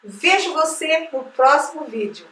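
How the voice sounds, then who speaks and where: A woman's voice: high-pitched, lively intonation, unhurried, bright, forceful tone, distant mic. A Brazilian woman with a chatty, upbeat manner, giving a casual video lesson as an English teacher, checking in with her viewers again and again. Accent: Brazilian Portuguese. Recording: echoey room, voice from off the mic.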